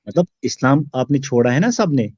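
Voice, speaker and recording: A man calling into a debate, hesitant and repetitive, trying to speak gently. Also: medium pitch, animated, breathy edge, dry recording, highs cut off. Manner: hesitant, repeats himself, soft-spoken. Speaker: debate caller. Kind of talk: live debate call.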